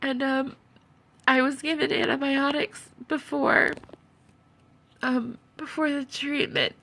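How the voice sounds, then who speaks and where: Tearful, high-voiced woman, halting. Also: fairly even intonation, fairly bright tone, slight background noise. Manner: halting, hesitant, repeats phrases. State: tearful, upset, as after crying. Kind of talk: personal video monologue about own experiences.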